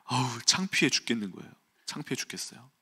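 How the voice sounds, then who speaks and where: Bright-voiced male preacher telling stories. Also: medium pitch, quick pace, slightly rough. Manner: animated storytelling, acts out quotes and sounds, chuckles. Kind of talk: early-morning sermon with personal storytelling.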